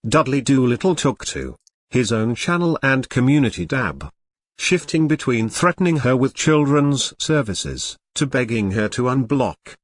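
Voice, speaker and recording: Robot text-to-speech male narrator, sardonic commentary, lively inflection, dry close sound. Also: mid-range voice, no room sound. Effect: synthetic robot text-to-speech voice.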